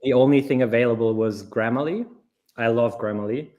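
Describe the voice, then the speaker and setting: A man's voice: medium pitch, brisk, darkish tone, highs cut off. A man speaking casually with fillers as a founder guest on a webinar over a video call. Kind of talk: webinar talk.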